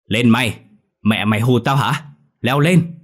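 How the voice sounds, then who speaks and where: A man voicing a drunken middle-aged father who shouts curses in a spoken ghost story. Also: medium pitch, measured pace, pitched above the performer's own voice, close to an everyday voice. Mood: drunken rage. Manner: shouting, abusive.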